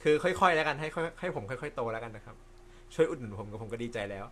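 A man hosting a casual live stream from an indoor room, reading viewer comments in a relaxed, chatty way with frequent light laughter and apologetic asides. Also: medium pitch, fast, slight background noise. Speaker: host.

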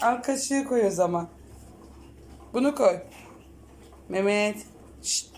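A woman talking to her small child at home, coaxing, praising and gently scolding him. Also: medium pitch, slow, slight background noise. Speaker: mother playing with her toddler.

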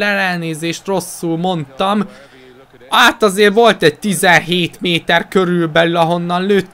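A man's voice: high voice, bright, forceful tone. A man with a Hungarian accent hosting a gaming video with casual, chatty commentary.

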